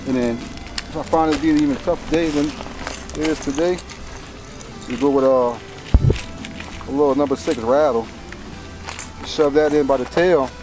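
A man's voice: medium pitch, low-quality recording. Easygoing middle-aged man teaching fishing tips. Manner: easygoing, folksy, explains step by step, calls people cuz and brother. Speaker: fishing guide and guest angler. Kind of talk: casual how-to talk while fishing. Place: outdoors on a wooded bayou bank. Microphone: camera mic from a few feet away.

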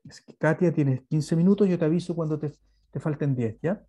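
A man in his forties reading out a speaker introduction as a seminar moderator, halting and stumbling over the text. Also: fairly high pitch, mellow, husky, no echo. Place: small indoor room at home. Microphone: earbuds on a video call.

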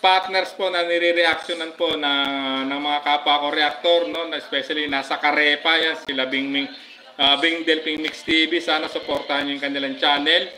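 A man with a Filipino accent, chatting casually on a live stream, giving viewers shoutouts with many fillers. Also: a little high, flat delivery, normal speed, slight background noise, poor audio. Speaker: livestream vlogger.

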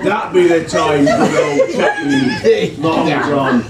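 A man playing a blustering comic pirate ship's cook in amateur pantomime, with a hammy delivery and questions shouted out to the audience. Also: a little high, expressive, slow, a loud crowd. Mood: scheming. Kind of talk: amateur pantomime stage acting. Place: small stage in a hall, distant camera. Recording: echoey hall from far off, loud audience.

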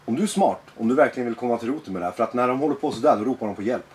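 A man being interviewed as a guest, talking in a blunt, animated, profane way. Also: mid-range voice, slight background noise. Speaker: guest, former extremist. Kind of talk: personal interview conversation.

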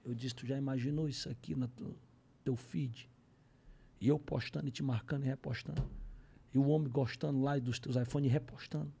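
A young man with a Ceará accent, a comedian telling an anecdote on a podcast in casual, animated style, acting out the voices of others. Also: medium pitch, brisk, gravelly, a little hiss or hum. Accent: Northeastern Brazilian, Ceará. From Ceará, Brazil. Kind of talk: casual storytelling. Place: podcast studio.

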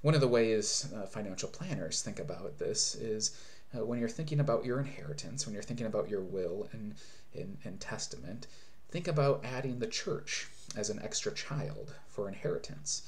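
The voice is fairly low and very animated, moving at a moderate pace. It belongs to a pastor in his thirties giving an earnest sermon to a webcam at desk distance in a small home room, often beginning phrases again mid-explanation.

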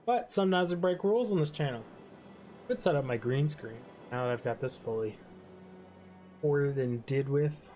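A man's voice: a little high, expressive, moderate pace, mellow, faint music behind. A young man hosting a gaming channel, chatting loosely and rambling while game credits roll, his talk trailing off now and then. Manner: laid-back, rambling, yawning, trails off. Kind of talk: rambling let's-play commentary over credits.

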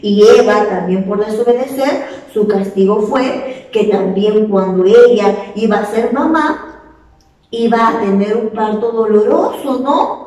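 Slow, expressive teacher telling a story. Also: female voice, mid-range voice. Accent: Peruvian Spanish. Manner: slow, expressive, asks children questions. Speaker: preschool teacher. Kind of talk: storytelling lesson for small children. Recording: echoey room, voice from far off.

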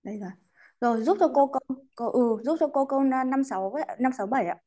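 A woman's voice: sits high, very fast, mellow. A woman teaching an English class, polite and patient, slipping English words into her explanations. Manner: polite, patient, adds courteous particles to most sentences. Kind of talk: online class lesson.

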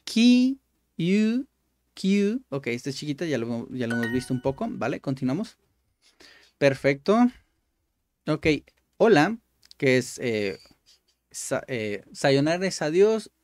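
A man's voice: medium pitch, big pitch swings, unhurried, long pauses, dry recording, clean studio sound. Man patiently repeating words. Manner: repeats words aloud and explains them like a patient tutor. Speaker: gaming YouTuber. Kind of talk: casual gameplay commentary.

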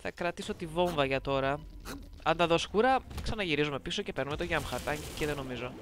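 On a close desk microphone, a woman with a low-pitched, expressive voice gives casual let's-play commentary, playfully teasing and chatting with viewers. Slight background noise is audible.

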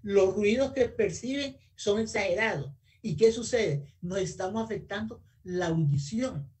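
Woman giving an animated webinar talk. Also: mid-range voice, unhurried. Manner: animated, talks straight to the audience, asks for the next slide. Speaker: guest speaker, audiology technician. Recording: voice a bit far from the mic.

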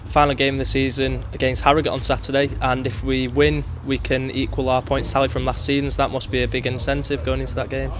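A man's voice: medium pitch, level tone, fast, hardly any pauses, soft background music. A man asking a football manager plain post-match questions. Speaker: club media interviewer.

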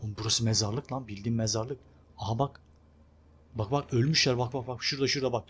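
A young man casually commenting on his own gameplay, chatty and excitable, talking to his viewers and urging on the game character. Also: mid-range voice, very fast, slight background noise. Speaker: gameplay video host. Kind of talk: casual let's-play commentary.

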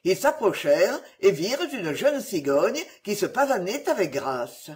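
Lively, expressive storybook narrator. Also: mid-range voice, unhurried. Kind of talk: storybook reading.

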